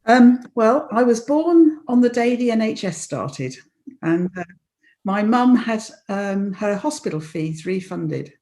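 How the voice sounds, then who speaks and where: A woman in her seventies, a retired minister, chats easily on a podcast. Her voice is gravelly and mellow, dark in tone, and she slips in jokes in a dry, understated way. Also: mid-range voice, very animated, slow. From Hove, southern England. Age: 70s. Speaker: retired Methodist minister, guest. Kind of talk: casual interview chat.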